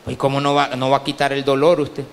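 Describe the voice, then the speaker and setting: A male pastor with a Salvadoran Spanish accent, preaching a story-filled sermon that swings from quiet asides to loud pleas. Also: medium pitch, monotone, quick pace. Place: church hall. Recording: long reverb of a church hall.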